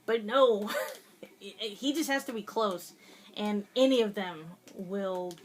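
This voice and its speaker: A woman's voice: medium pitch, slow, a little hiss or hum. A woman giving casual, chatty commentary over her gameplay, laughing often and hesitating with many fillers. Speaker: gaming video host.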